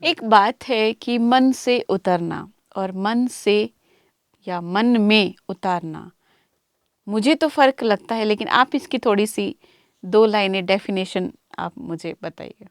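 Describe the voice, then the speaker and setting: A woman hosts a music talk show in a calm, measured voice. Her pitch sits in the middle of the range. The sound is close and dry, with no room echo. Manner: calm, measured speech with soft laughs. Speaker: show host and anchor. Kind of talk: studio music show interview.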